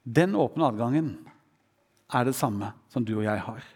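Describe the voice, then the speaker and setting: A pastor delivers a sermon in a church hall, quoting scripture in a voice that rises and falls. His medium-pitched voice is a little mellow with a breathy edge, and the recording carries the hall's reverb.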